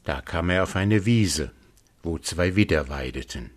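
A man reading a fairy tale aloud as a calm, measured storyteller. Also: low-pitched.

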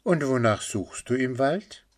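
A man voicing a small, kind male hare in a fairy tale, gently lifting his voice. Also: medium pitch, animated, measured pace, voice pushed up, natural voice.

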